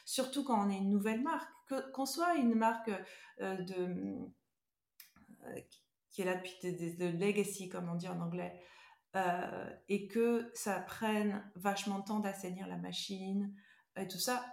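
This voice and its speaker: A woman's voice: medium pitch, measured pace, creaky, darkish tone, reverberant. A middle-aged woman being interviewed casually, choosing her words hesitantly and often restarting her sentences. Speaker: interview guest, beauty brand co-founder.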